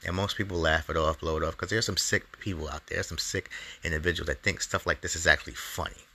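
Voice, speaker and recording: A man's voice: rumbling low, fairly even intonation, fast, creaky, bright, forceful tone. A man hosting his own show, delivering an angry, profane opinion monologue in a heated, ranting way. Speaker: comedian podcast host.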